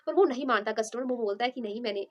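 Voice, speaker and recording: Quick chatty woman telling a story. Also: fairly high pitch. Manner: chatty, many fillers and restarts. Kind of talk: casual motivational storytelling.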